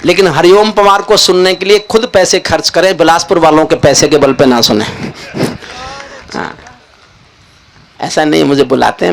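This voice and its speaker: An older man, a poet, telling jokes and stories to a live audience with animated, expressive delivery. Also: medium pitch, gravelly. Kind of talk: stage poetry and joke telling to a live audience. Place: live event stage.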